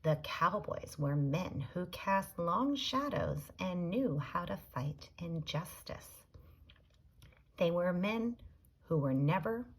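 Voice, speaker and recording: A woman, a teacher, reading a chapter book aloud in a gentle, deliberate storytelling manner. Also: lowish voice, expressive, breathy edge.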